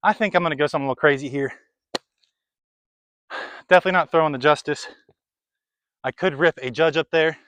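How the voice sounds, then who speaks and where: His voice runs on the high side and a bit bright, quick in delivery yet broken by long pauses, captured in a dry recording. It's a young man's chatty, slightly breathless play-by-play of an outdoor disc golf round, narrated between throws.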